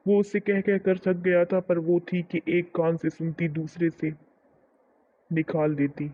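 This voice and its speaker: Male narrator for a novel channel: calm, steady storytelling, fairly high voice, muffled lo-fi audio. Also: unhurried. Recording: muffled lo-fi recording.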